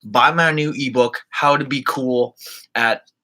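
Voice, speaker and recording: Smug self-promoting influencer man, played by a man, boastful hard-sell pitch, bright edge. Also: measured pace, poor audio. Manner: pushy sales pitch, boastful.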